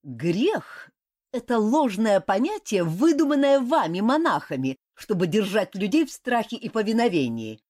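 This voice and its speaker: Haughty elder boy leader, self-important, commanding, lively intonation, audiobook, voiced by a woman. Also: medium pitch, measured pace. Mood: preachy.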